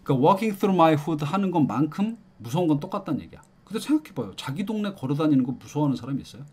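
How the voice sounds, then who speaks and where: A man's voice: fairly high pitch, fast, breathy edge. A middle-aged man giving an exam-prep lecture, coaxing and explaining, often asking "got it?". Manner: lively, coaxing, checks in with "알겠죠?". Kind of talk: explanatory lecture with questions to students.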